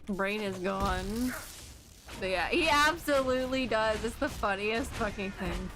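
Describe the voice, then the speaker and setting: A young woman streaming a game, chatting casually, giggling, swearing a lot and getting excitable. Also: mid-range voice, measured pace, over music. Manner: giggly, excitable and profane, with frequent filler words. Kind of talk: casual gameplay commentary.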